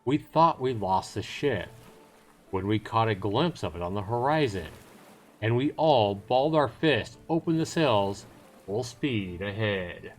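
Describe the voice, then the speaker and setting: This man's voice sits on the low side, animated and a little slow. He portrays a persuasive, peddler-like sailor-trader who dramatically recounts sea stories over music, coaxing and theatrical, the mood swinging between bragging and suspense.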